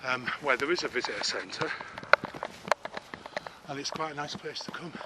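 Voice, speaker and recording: Walking through the woods, a middle-aged vlogger rambles chattily and pokes fun at himself, a bit out of breath, at a moderate pace and medium pitch. His camera-mounted mic captures outdoor noise and clicking along the way.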